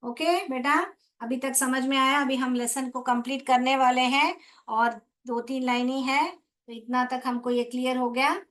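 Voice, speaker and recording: A woman teacher, explaining a lesson slowly in Hindi, spelling words out syllable by syllable and asking the class questions that she answers herself. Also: high-pitched, steady tone, fairly bright tone.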